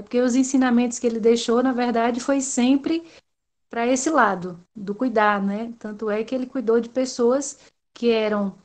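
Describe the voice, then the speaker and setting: Rambling woman from Salvador, higher voice. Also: a little mellow. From Salvador, Brazil. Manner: rambling, hesitant, many fillers. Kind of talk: casual discussion in an online class.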